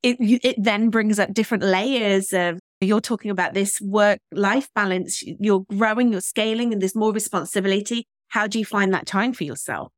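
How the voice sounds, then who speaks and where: Woman host, mid pitch, encouraging, chatty, dry close sound. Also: moderate pace, few pauses, dry recording. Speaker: podcast host. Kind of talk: interview hosting.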